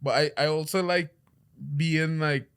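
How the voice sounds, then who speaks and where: A man's voice: on the high side, unhurried, clear, resonant tone. A young man hosting a podcast, telling stories animatedly with frequent laughs and restarts. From Trinidad. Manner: animated storyteller, laughs often, many restarts. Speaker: podcast host. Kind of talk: casual podcast chat.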